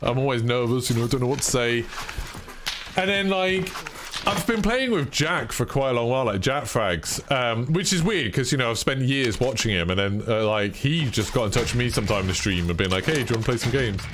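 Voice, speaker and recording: A British streamer chats casually with his live-stream audience and reads their chat, peppering his talk with "like" and self-deprecating asides. His mid-range voice has lively intonation and runs a little fast, with background noise present.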